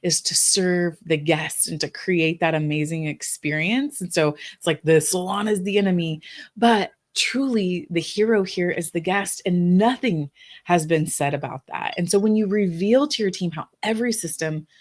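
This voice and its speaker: Lowish woman's voice, podcast cohost, loose chatty talk full of "you know". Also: moderate pace. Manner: conversational, many "you know" fillers. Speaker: podcast co-host. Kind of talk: casual business podcast chat.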